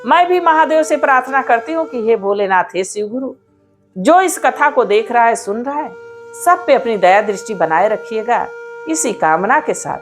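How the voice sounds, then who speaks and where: A woman's voice: fairly high pitch, expressive, moderate pace, faint music behind. A woman narrating a devotional story in an earnest, sing-song manner and addressing her listeners directly.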